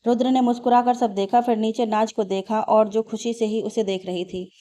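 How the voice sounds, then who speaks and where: A woman storyteller reading a family story aloud in a steady, even way. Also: fairly high pitch, normal speed. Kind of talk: read-aloud story narration.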